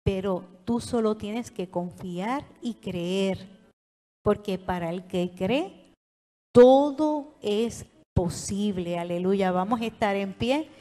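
A woman with a Puerto Rican Spanish accent preaching a sermon in a church, animated and calling on the congregation to answer and repeat after her. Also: medium pitch, slow. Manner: animated, call-and-response with the congregation. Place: church sanctuary. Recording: long hall reverb.

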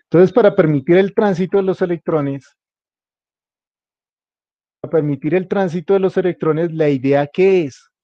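A man's voice: high voice, normal speed, pauses often, dry recording, lo-fi sound. A male teacher giving an informal class, who repeats his points, jokes around and keeps asking the students whether they follow. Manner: keeps checking in with the class, jokey and repetitive.

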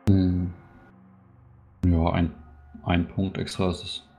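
Deep, gravelly male tabletop player. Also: completely flat delivery, slow pace, dark tone, faint music behind. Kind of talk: casual tabletop game talk.

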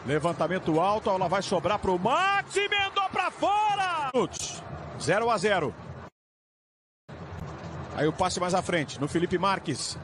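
A Brazilian man doing explosive football goal commentary, stretching and shouting his calls at chances. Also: high voice, moderate pace, pauses often. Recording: noisy stadium match broadcast.

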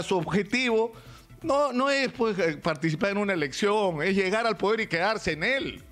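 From Peru, an older man with a Peruvian Spanish accent sits near a stand mic in a cramped radio studio, giving forceful live opinions, gesturing and throwing out rhetorical questions. He has a high voice with a fairly bright tone.

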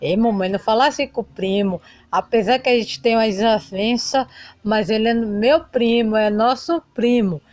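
A woman's voice: a little high, normal speed, darkish tone, no room sound, highs cut off, natural voice. A woman voicing a young daughter who scolds her greedy mother in a reproachful tone.

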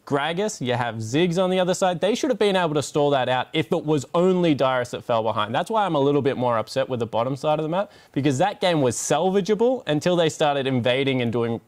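A man's voice: a little high, expressive, fast talker, few pauses. A man on an esports analyst desk breaking down a loss, critical and blunt about who was at fault.

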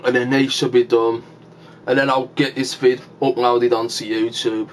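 Speaking at normal speed with a flat, mid-range voice, a man chats casually in a vlog while chewing sour candy, holding the camera himself. He rambles and keeps addressing his viewers as "guys," with slight hiss or hum in the recording.

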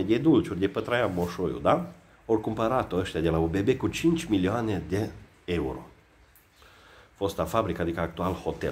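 A man giving satirical news commentary in a sarcastic, mocking way. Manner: sarcastic, mocking, lively swings in pitch. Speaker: satirical vlogger.

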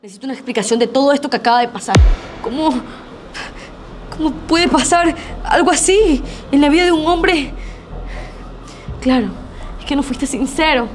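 A woman's voice: high voice, moderate pace, pauses often, music in the background, lightly acted. An actress playing a young girlfriend who is shocked, bewildered and distressed after being deceived, in a melodramatic web drama.

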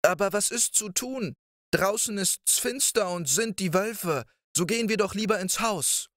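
A man voicing a small, clever boy in a storybook reading, speaking high and quickly as he reasons his way out of danger. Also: expressive, a bit bright, no echo, studio quality. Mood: pleading, reasoning.

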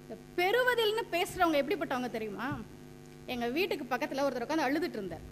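A woman's voice: high voice, sing-song, fast. A woman giving a stage debate speech, quoting scripture and poetry and acting out anecdotes. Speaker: debate speaker. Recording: echoey hall with faint hum.

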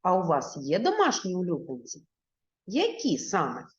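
A primary school teacher, a woman, speaking slowly and clearly as she guides young children through a reading lesson. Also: fairly low pitch, wildly swooping pitch. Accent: Ukrainian. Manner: slow, clear, syllable-by-syllable teaching voice. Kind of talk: video reading lesson for first graders. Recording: echoey room, dull lo-fi sound.

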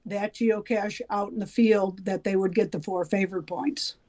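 A woman guest on a podcast, talking in an unhurried, hesitant way with frequent ums. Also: mid-range voice, fairly even intonation, darkish tone. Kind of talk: casual podcast chat.

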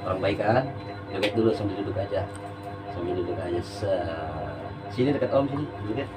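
A man's voice: sits low, brisk. A man, a spiritual practitioner, giving short, repeated coaxing commands during a live demonstration. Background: background music.

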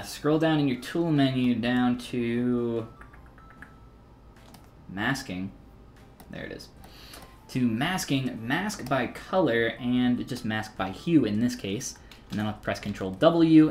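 A man's voice: mid-range voice, darkish tone, a little hiss or hum. A man in his thirties, talking casually and joking while he teaches 3D sculpting on a live stream, reading chat messages aloud between steps.

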